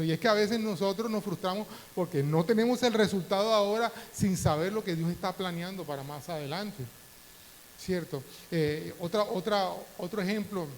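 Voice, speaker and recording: A high-pitched middle-aged man from the Dominican Republic preaching in a church with a long reverb tail. His sermon swings between calm storytelling and fervent raised passages, with a faint hiss under the recording. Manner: preaching with emotional swings, voice rising in prayer. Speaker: pastor. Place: church hall.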